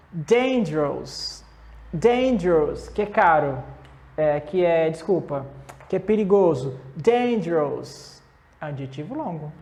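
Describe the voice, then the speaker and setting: A Brazilian woman teaching English comparisons. She says the English examples slowly, then explains quickly in Portuguese. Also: deep voice, darkish tone. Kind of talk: classroom lesson.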